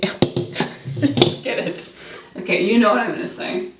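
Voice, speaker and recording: A woman's voice: mid-range voice, fairly quick, reverberant, recorded from a distance, noisy background. A woman co-hosting a casual kitchen tour, chatty and teasing, with the hiccups. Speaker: co-host.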